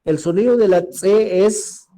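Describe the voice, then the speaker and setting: A man teaching a recorded language class, speaking slowly, repeating each word and often asking "¿verdad?", with frequent throat clearing. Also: high voice, warm tone. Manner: slow, repeats words and asks "¿verdad?" often.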